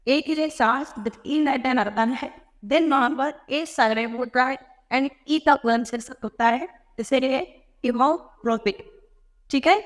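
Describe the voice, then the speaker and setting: A woman with an Indian accent teaching a grammar lesson, explaining slowly and repeating each point. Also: high voice, in a large hall. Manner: explains slowly, repeats phrases, mixes in English words. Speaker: English teacher. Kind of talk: classroom-style grammar lesson.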